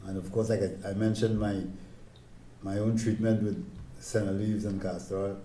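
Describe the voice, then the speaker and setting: An older man from Tobago with a Tobagonian accent, reminiscing in an interview in a calm, gentle, deliberate way. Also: fairly low pitch, slight background noise. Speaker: interviewee, village elder sharing memories. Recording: roomy, echoing interview recording.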